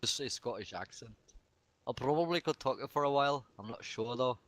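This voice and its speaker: A man's voice: mid-range voice, fairly quick, no room sound. A man joking casually with his gaming group during a break. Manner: joking, laughs often. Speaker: player.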